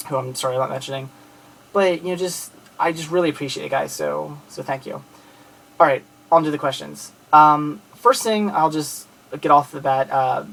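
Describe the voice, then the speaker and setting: In a low-quality recording, a man in his late twenties from outside Philadelphia, Pennsylvania talks casually to camera about his movie collection. His voice is on the high side, creaky and a bit bright, and he rambles with lots of fillers and restarts in a friendly, grateful way.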